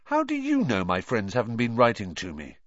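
An earnest young wizard boy, read by a man, asking urgent questions with a lively, bouncing pitch. The tone stays close to a plain speaking voice. The sound is dry and a bit dull, recorded in a small booth. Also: fairly quick, no room sound. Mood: frustrated. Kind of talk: audiobook reading.

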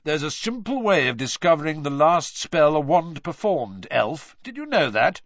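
A middle-aged male wizard official from a fantasy audiobook voiced by a narrator. He is hot-tempered and blustering, with a growly, hectoring delivery that swoops widely in pitch. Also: very animated, moderate pace, no echo, muffled recording. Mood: menacing.

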